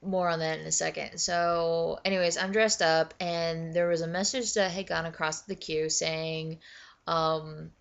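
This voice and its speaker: Young adult woman, casual vlog storyteller, chatty and rambling; low-pitched with a gravelly edge, recorded on dull lo-fi audio. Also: level tone, a little slow. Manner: chatty, many fillers and self-corrections. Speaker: vlogger.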